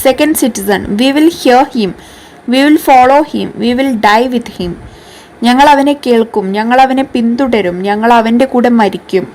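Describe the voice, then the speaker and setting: A woman teacher explaining a lesson, reading English lines slowly and then explaining quickly, translating word meanings. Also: on the high side, a little mellow, low-quality recording.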